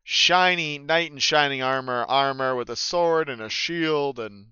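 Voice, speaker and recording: A man's voice: mid-range voice, unhurried, bright, forceful tone, muffled recording, slight background noise. A man, the dungeon master, casually retelling a tabletop session, rambling with fillers and swearing freely. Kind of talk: casual storytelling chat.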